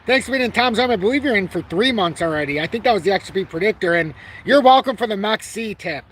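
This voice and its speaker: High-voiced guy, 40, brash and rambly on a live stream, cusses a lot, keeps correcting himself. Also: expressive, fast, a bit bright, slight background noise. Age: 40s. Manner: brash, rambling, swears casually; talks about himself through frequent self-corrections. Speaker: crypto channel host. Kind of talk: casual live-stream commentary.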